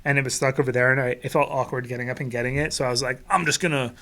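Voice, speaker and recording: A man's voice: medium pitch, level tone, very fast, pushed and bright. A man co-hosting a podcast, trading casual jokes and banter. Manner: joking, easygoing banter. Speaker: podcast co-host. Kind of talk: casual chat.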